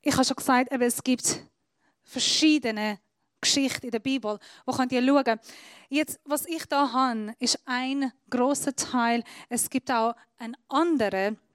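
A woman preaches to her congregation in German, her grammar loose as she explains things she holds up. Her voice sits a little high. The sound is dry and close, with no room echo. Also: unhurried, smooth. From Iran. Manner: non-native German with grammar slips, explaining with props. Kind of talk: sermon.

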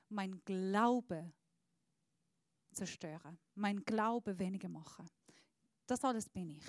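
A woman preacher giving an earnest sermon, often dropping to a soft, low voice. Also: no echo, studio quality.

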